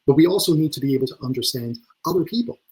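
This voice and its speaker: A man's voice: on the high side, animated, rapid-fire, dark tone, breathy edge, low-quality recording. A man speaking as a leadership coach and speaker in an online webinar, earnest in manner and often repeating words as he starts a phrase. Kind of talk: webinar talk. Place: video call.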